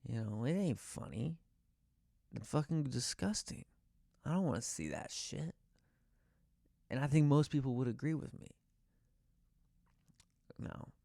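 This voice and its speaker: Profane rambling guy on his podcast, dry close sound, gravelly low tone. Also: very animated, a little slow, pauses often, mellow, no echo. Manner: profane, rambling, exasperated storytelling. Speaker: podcast host. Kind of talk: casual rant.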